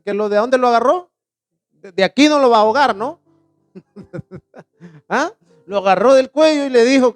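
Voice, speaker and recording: High-voiced preacher man in church. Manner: asks the congregation questions and answers them; reads scripture slowly and emphatically. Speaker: pastor. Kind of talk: sermon.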